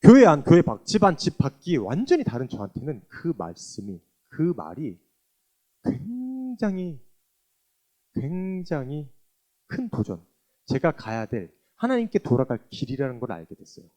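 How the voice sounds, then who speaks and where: Highly animated man giving church testimony. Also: normal speed. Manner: animated, acts out remembered exchanges.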